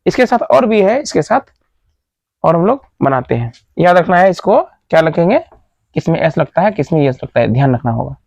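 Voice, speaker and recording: A man's voice: on the high side, sing-song, a little fast, vocal fry, darkish tone, no room sound. A man teaching a grammar lesson, spelling words letter by letter and asking questions he then answers himself. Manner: asks the class questions, then answers them. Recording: dull lo-fi dry recording.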